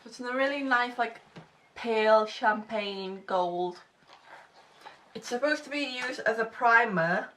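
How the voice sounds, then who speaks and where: A woman's voice: a little high, unhurried, a bit bright, far from the mic, slight background noise. A woman in her twenties with a slight lisp, reviewing makeup in a chatty, self-deprecating way. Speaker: beauty vlogger. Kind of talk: casual product review.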